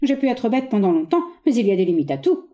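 A woman reading a stage play aloud, voicing a haughty, exasperated middle-aged gentleman with sharp, condescending exclamations. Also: a little high, sing-song, fast talker, highs cut off.

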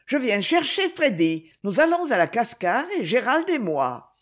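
A woman's voice: fairly high pitch, very animated, voice pushed up. Woman voicing a gushing young lady. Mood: eager. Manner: gushing and hurried. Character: eager young noblewoman, chatty and fond.

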